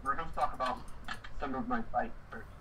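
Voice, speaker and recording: A young man of eighteen chats through a story on a podcast, loose and rambling, checking in with a quick "right?". His voice sits at an ordinary pitch and is picked up from a distance off the mic, with clear background noise underneath. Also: sharp tone. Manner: rambling, often tags "right?". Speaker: podcast co-host. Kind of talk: casual storytelling chat.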